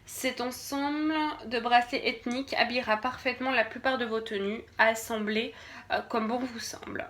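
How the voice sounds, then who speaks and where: A woman's voice: a little high, fairly even intonation, normal speed, a bit bright. A woman from France doing a casual unboxing video, hesitant, with many fillers and restarts, sometimes dropping to a murmur while she checks products. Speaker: beauty box reviewer.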